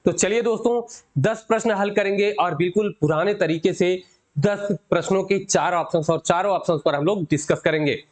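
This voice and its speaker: A young man teaching a live exam-prep lesson. He addresses viewers as friends, asks his own questions and answers them, and slows down to stretch out the key words. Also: high voice.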